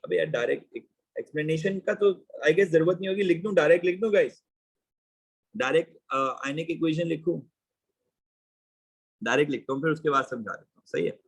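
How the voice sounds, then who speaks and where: Man, chemistry teacher, fairly high voice, chatty, switches between hindi and english, slow question reading. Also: breathy edge, rough recording. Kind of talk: live online class, explaining exam questions.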